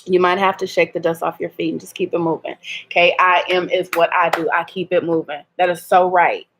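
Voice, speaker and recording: A woman's voice: on the low side, flat delivery, fairly quick, background noise. A woman, talking candidly in a personal vlog, hurt and laughing ruefully through her restarts. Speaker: vlogger.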